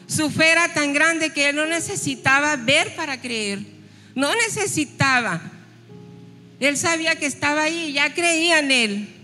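A high, bright woman preaching a sermon and bringing its stories to life with quoted dialogue. Her voice rings through a hall with a long reverb, over faint music in the background. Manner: retelling Bible stories with lively quoted dialogue.

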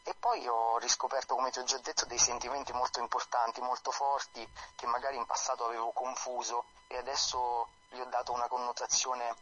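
A man speaking as a guest author on a radio show over a phone line, talking in a hesitant, halting way with many fillers. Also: medium pitch, little pitch movement, pushed and bright. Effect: heard over a phone line. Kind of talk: live radio interview by phone.

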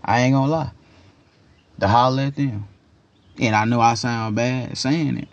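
A young man with a gravelly voice giving a casual, opinionated rant in a slangy, rambling, emphatic way, repeating his phrases. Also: medium pitch, fairly even intonation, normal speed. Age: young adult. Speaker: commentator giving personal opinions.

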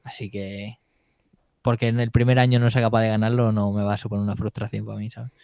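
A young man being interviewed, recounting a race in lively, casual, colloquial storytelling. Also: on the low side, quick pace, gravelly. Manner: animated storytelling, keeps saying "tío". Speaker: interview guest, mountain bike racer.

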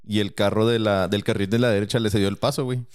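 A man's voice: lowish voice, steady tone, quick pace, clear, resonant tone, no room sound, studio quality. A man with a Mexican accent telling an anecdote in a casual podcast chat, with slangy asides. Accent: Mexican Spanish.

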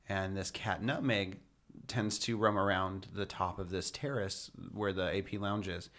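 A man's voice: on the low side, a bit bright. A man co-hosting a podcast in a casual, upbeat and playful way, steering the conversation. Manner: upbeat, playful, leads the segments. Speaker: podcast co-host. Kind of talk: casual chat.

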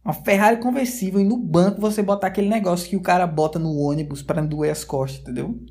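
A man's voice: high voice, steady tone, quick pace, darkish tone. A man talking straight to his viewers in a casual, rambling monologue, full of slang fillers and loose tangents, recorded indoors at home. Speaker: vlogger.

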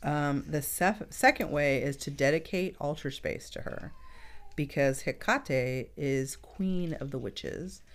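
A woman co-hosting a casual podcast, going through notes in a steady, list-like way and chiming in with short agreements. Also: sits low, slow. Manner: steady, list-like delivery with brief agreeing interjections. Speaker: podcast co-host. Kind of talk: casual chat, reading notes.

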